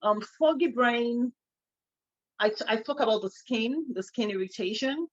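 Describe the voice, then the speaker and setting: A middle-aged woman co-hosting a casual chat, telling a story in a lively way and laughing often. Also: on the high side, normal speed, lo-fi sound. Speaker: co-host.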